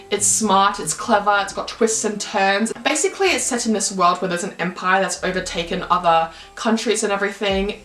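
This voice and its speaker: A woman's voice: medium pitch, a bit bright. A young woman reviewing her favourite books in a casual vlog, gushing and enthusiastic, full of fillers. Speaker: book vlogger. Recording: roomy home recording.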